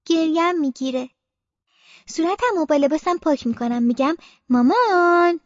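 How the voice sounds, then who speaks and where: A woman narrating a story as a young girl in the first person, childlike and expressive, with playful sound effects, on a slightly muffled dry recording. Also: high-pitched, dry recording. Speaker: audiobook narrator.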